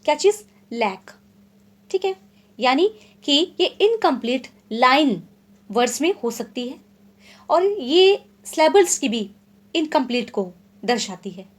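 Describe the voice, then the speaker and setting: An Indian woman gives an exam-prep lecture on English literature in a high, sing-song voice, explaining terms plainly and reading definitions slowly and deliberately. She checks in often with short confirming asides.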